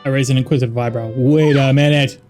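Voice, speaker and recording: A man reads out a game's lines as he plays, dry and exasperated, tossing in deadpan asides. His voice sits at an ordinary pitch, and faint game music hums underneath. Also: quick pace. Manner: wry, exasperated, deadpan quips. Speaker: gaming YouTuber. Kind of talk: reading game dialogue aloud while playing.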